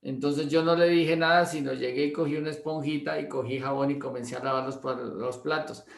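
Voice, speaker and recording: A male pastor teaching through a homely anecdote. His voice sits slightly high and he slips into the people he quotes, often repeating himself. The room adds a noticeable echo. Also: steady tone, fairly quick, gravelly. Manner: anecdotal, acts out dialogue, repeats words. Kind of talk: storytelling teaching class. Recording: roomy echo.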